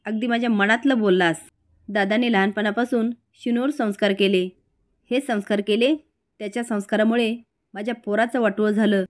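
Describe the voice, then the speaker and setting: A woman's voice: mid-range voice, fairly even intonation, fairly quick, lightly acted. A woman voicing an angry middle-aged village mother who scolds and accuses her brother. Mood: scolding.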